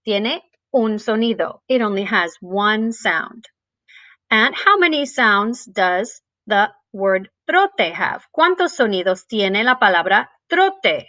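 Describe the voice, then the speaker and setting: A woman teaching a bilingual music lesson to young children, switching between English and Spanish and speaking slowly and clearly. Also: medium pitch, lively intonation, pushed and bright, no echo. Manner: sings and chants rhythm words.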